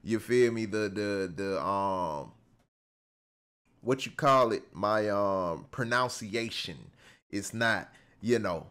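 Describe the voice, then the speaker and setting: A man with a Southern US accent talks loosely to his audience, reacting to a film. His voice sits a bit low, and he keeps circling back with fillers, restarts and asides to the viewers. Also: takes it slowly, fairly bright tone, clean tone. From Southern United States. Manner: chatty, addresses viewers as y'all, many fillers and restarts. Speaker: movie reaction streamer. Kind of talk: casual reaction commentary.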